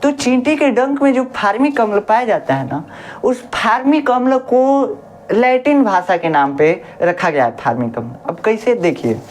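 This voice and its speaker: A woman science teacher, explaining a lesson in a chatty, homely way. She keeps asking questions, answering them herself and repeating the key words. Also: mid-range voice. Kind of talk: classroom-style lesson.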